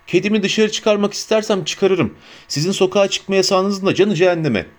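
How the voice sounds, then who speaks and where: A hot-tempered old barman , read by a man, snapping back in a rough, hoarse voice, pitched higher and louder than the narration. He sounds scornful and defiant, an audiobook character. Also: moderate pace, natural voice. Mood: angry, scornful. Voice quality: gruff, hoarse. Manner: barking retorts, scornful.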